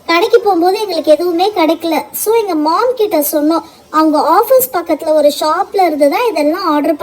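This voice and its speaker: A bubbly young girl with a very high, childlike voice chatters eagerly to her friends, as a woman puts her on. She sounds cheerful and generous. It fits a homemade doll-play story. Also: a little mellow. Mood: explaining.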